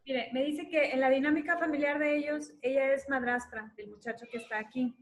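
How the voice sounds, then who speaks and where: A woman's voice: high-pitched, fairly even intonation, fairly quick, low-quality recording. A woman moderating a question-and-answer session at a conference, polite and brief, formally addressing the speaker.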